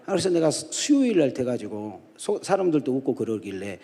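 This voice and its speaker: A man's voice: medium pitch, sing-song, a little fast, warm tone. A middle-aged man preaching a sermon as a guest pastor. He tells funny stories and keeps quizzing the congregation with call-and-response questions. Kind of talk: humorous storytelling sermon. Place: large church sanctuary at a dawn prayer service. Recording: echoey church hall reverb.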